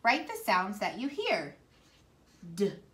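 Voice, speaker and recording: A woman teaching kindergartners, speaking slowly and sounding out words for young children. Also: on the high side, sing-song, bright, forceful tone. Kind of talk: slow, clear classroom instruction.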